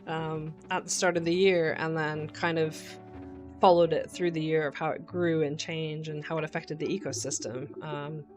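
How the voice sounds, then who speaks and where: A woman's voice: sits low, little pitch movement, normal speed. Chatty young woman streaming a cozy game. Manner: chatty, easily charmed, light laughs. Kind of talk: casual gameplay chat, reading game dialogue aloud. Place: home streaming setup. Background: faint game music.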